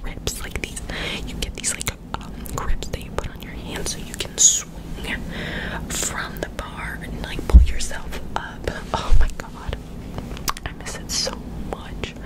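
A young woman rambling casually in a close-miked ASMR whisper, with tingly, clicky mouth sounds. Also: rough recording. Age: young adult. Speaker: ASMR creator. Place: small room at home, indoors. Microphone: large desk microphone up close, headphones on.

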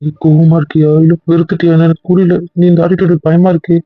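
Flat, fast, pleading man. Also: on the high side, dry recording, narrow, tinny audio. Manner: pleading and apologetic. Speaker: voice actor in an audio drama. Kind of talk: Tamil audio drama acting.

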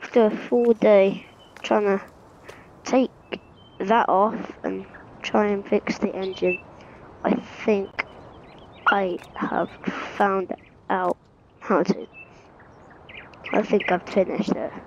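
A woman casually commenting on her own gameplay, muttering to herself in halting bits. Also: medium pitch, level tone, highs cut off, noisy background.

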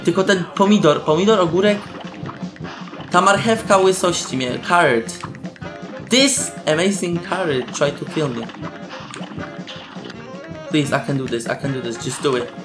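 An excitable young man commentating a video game in a loose, lively way, his pitch leaping around as he yells and laughs. He sounds like he is in a roomy, echoing space, with faint game music behind him. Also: a little slow, pauses often. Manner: excitable, shouting and laughing, mixes in English slang. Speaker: gameplay commentator. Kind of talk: casual let's-play commentary.

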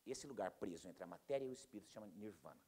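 Lively, quick-talking husky male teacher. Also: on the low side. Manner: animated, acts out quoted people in a raised voice; keeps asking the class "não é verdade?". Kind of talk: classroom lecture. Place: classroom.

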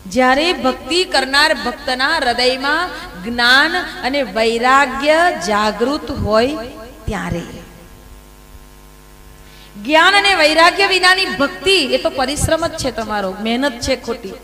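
A woman telling devotional scripture stories as a sermon, lively, with rhetorical questions and acted quotes. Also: high-pitched, a little slow, in a large hall, poor audio. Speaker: religious storyteller. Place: large hall at a temple event.

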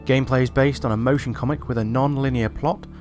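Over gameplay footage and background music, this reviewer and host delivers a voice-over, commenting and reading text aloud. He talks fast in a mid-range, darkish voice with fairly even intonation.

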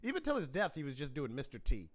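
A man's voice: a little high, wildly swooping pitch, fast talker. A man hosting a casual interview, joking and teasing his guest and laughing often. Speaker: host.

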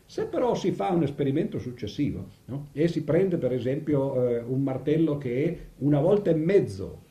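An older man gives a lively public lecture on math and music, tagging his sentences with a questioning "no?" and dropping ironic asides. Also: fairly high pitch, normal speed. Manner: animated, constantly tags sentences with "no?", ironic asides. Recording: roomy echoing hall.

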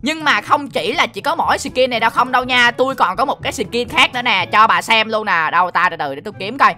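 A woman's voice: on the high side, animated, fast, sharp tone, faint music behind. A woman, hosting a playful gaming video, boasting and making sound effects as she plays. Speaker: gaming channel host. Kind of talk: playful game commentary.

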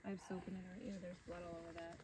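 A woman speaking briskly and practically at an outdoor lakeside campsite, directing her family. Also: on the low side, flat delivery. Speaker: mother at camp. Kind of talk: casual family chat. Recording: distant voice, loud outdoor noise.

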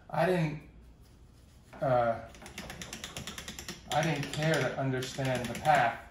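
New York man, middle-aged, mid-pitched, chatty asides, roomy sound. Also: extremely slow, pauses often. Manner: rambling, jokey asides, talks to his gear. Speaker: synth repair vlogger. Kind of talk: casual rambling commentary while working. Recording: roomy room, faint hiss.

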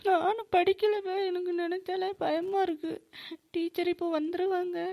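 A woman doing a timid high cartoon schoolgirl. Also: little pitch movement. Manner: timid, soft, slow.

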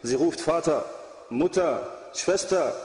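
A man's voice: on the high side, takes it slowly, a little mellow, voice pushed up. A man voicing a frightened dying young girl who calls for her family, recorded with echoey hall reverb. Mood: pleading.

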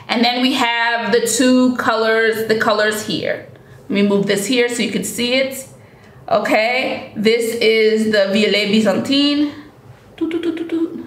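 A woman's voice: fairly high pitch, a bit bright, roomy sound. A woman in a casual beauty vlog, chatting enthusiastically about products and often repeating words for emphasis. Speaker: beauty vlogger.

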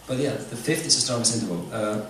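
A musician gives an informal, halting talk that explains things to a seated audience in an indoor club room. His medium-pitched voice has lively intonation. The stage mic plays through speakers and is recorded from afar, so the sound is echoey and noisy.

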